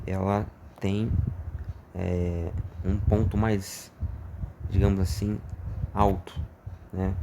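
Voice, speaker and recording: A man explaining a word in an unscripted lesson, hesitant and filling pauses with filler sounds and tag questions, often repeating himself. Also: deep voice, vocal fry, noisy background. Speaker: vocabulary teacher.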